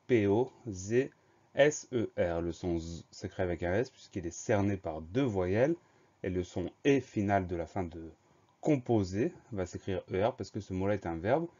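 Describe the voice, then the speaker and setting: Man, low mellow voice, patient teacher spelling words out, dull lo-fi sound. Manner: slow, methodical, spells words letter by letter. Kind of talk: dictation lesson.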